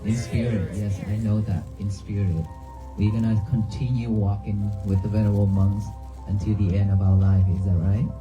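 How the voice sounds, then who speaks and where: A low-pitched man with a Vietnamese accent gives a dharma talk, speaking in short, broken phrases. He keeps checking in with the crowd by asking them questions. Music plays clearly in the background. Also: little pitch movement, brisk, rough recording. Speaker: Buddhist monk giving a talk. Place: outdoors by a church cemetery.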